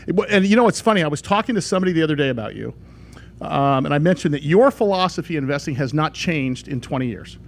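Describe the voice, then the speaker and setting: Fast-talking middle-aged radio host. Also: male voice, fairly high pitch, creaky. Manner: rambling, lively, restarts sentences. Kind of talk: casual radio talk.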